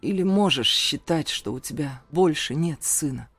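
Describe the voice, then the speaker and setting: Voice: medium pitch, normal speed, a bit bright, husky, no echo, faint music behind. An audiobook reader voicing a defiant young adult son who argues heatedly and pleads with his father. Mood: pleading. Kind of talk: audiobook character voice.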